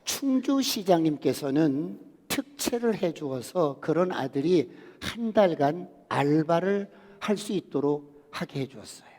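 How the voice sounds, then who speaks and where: Male pastor, sermon, high voice, long hall reverb, storytelling to emphatic appeal. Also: animated, a little slow, darkish tone. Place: church sanctuary.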